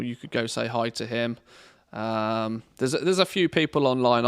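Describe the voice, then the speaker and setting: Male game streamer, casual rambling delivery, gravelly fry, dry room sound. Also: medium pitch, no echo. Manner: rambling, addresses viewers informally. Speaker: game streamer and video maker. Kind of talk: casual livestream chat. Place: indoor studio room padded with cushions against echo.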